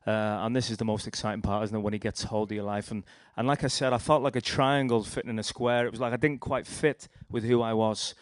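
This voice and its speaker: A man's voice: lowish voice, steady tone, quick pace, few pauses, dry recording, studio quality. A young man with a Liverpool accent giving a rambling personal testimony, telling his story with restarts and acted-out quotes. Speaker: speaker sharing a testimony.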